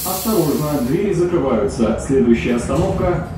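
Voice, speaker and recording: Male stop announcer through the tram intercom, raised pitch, clipped formal lines, loud hiss of the tram behind. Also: expressive, normal speed. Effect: over the tram's intercom loudspeaker. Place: inside a moving tram. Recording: echoey loudspeaker taped from far off.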